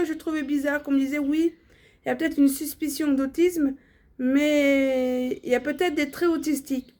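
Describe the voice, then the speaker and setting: A young woman vlogger talks casually and bluntly to her viewers in a personal monologue, with lots of fillers and restarts. Her voice is high with a darkish tone.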